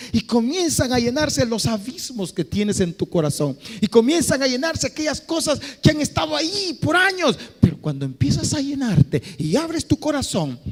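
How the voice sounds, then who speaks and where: Pastor, impassioned sermon, high and very lively voice, church hall reverb. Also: male voice. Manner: impassioned preaching, swinging between loud exhortation and quiet phrases.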